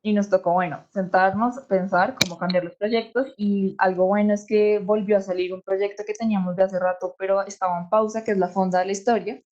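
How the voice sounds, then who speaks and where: Flat-voiced young Bogotá woman, reflective. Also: mid-range voice, brisk, few pauses, highs cut off. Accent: Bogotá Colombian. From Colombia. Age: young adult. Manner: reflective, thinking aloud with many fillers. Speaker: history student. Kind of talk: panel discussion answer.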